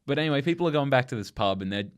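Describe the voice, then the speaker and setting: A man's voice: medium pitch, expressive, rapid-fire, clean tone. A man co-hosting a film podcast, chatting casually and laughing often, with frequent restarts. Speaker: podcast co-host. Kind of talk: casual film-review chat.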